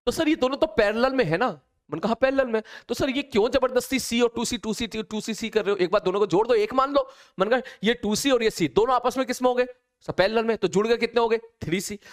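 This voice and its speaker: A man teaching physics, working through capacitor problems step by step and voicing the students' answers himself. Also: sits high. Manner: talks to students directly, mimics their replies. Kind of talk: explaining capacitor problems on a board.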